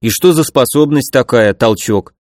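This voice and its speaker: A man reading an audiobook voices an excitable young male fighter, loud and gleeful at times and doubtful at others. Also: medium pitch, normal speed, no echo, clean studio sound, close to an everyday voice.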